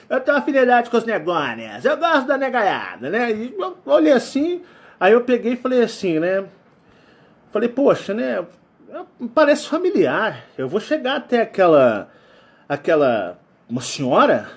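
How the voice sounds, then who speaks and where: A man's voice: high voice, breathy edge. A Brazilian man hosting a channel, telling a story in a casual, rambling way and ending nearly every phrase with a tag question. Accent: Brazilian Portuguese. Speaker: channel host.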